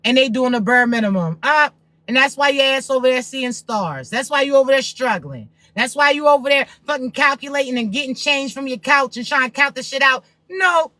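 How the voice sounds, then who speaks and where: A woman's voice: sits high, lively intonation, a little fast, bright, forceful tone, dry recording. A woman spiritual reader giving a blunt, profane, preachy pep talk to viewers on a livestream.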